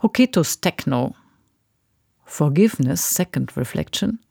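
A female radio host interviews a guest and introduces a recording. Her voice is fairly low with a gravelly edge. The sound is close and dry. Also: expressive, unhurried, a little mellow, no echo. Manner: probing questions, then crisp announcing.

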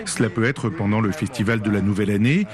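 A man reading a voice-over translation in a plain, even way. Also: on the low side, fast, a crowd in the background. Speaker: voice-over interpreter. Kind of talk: dubbed voice-over.

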